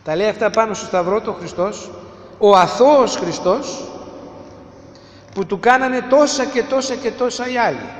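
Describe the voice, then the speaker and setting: A man preaching a sermon, emphatic, asking rhetorical questions and swinging between loud and hushed delivery. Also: high voice. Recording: echoey hall with long reverb.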